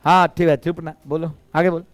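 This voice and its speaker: A male physics teacher with a Bihari Hindi accent, a little hoarse, teasing and coaxing his students to answer in a live classroom lecture. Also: fairly high pitch, level tone, a little fast.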